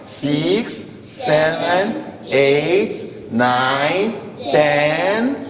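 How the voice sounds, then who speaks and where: A man from Congo leading a lesson with children, coaxing them and repeating prompts loudly. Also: on the high side, expressive, extremely slow, a crowd in the background. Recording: echoey hall from far off.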